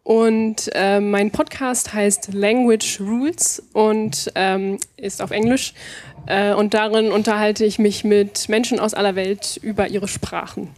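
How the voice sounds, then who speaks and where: A woman's voice: mid-range voice, steady tone, slow, darkish tone. Woman, podcaster, hesitant self-introduction in a seminar room. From Berlin. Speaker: podcaster, workshop participant.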